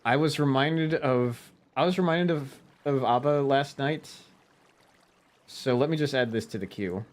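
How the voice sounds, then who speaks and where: A man giving casual let's-play commentary in an easy, mid-pitched voice. He chats to himself as he plays, conversational and unhurried. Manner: chatty, talking to himself as he plays. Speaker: gaming video creator.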